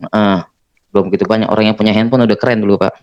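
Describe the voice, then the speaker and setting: A man's voice: on the low side, level tone, racing, darkish tone, clear, resonant tone, dry recording, muffled recording. A man giving an earnest spoken testimony, telling his story and acting out the dialogue himself. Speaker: former preacher giving testimony.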